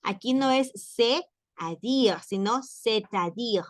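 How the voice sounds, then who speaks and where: A woman teaching French pronunciation in an online lesson, slowly repeating each example word. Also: mid-range voice, no echo. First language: Spanish.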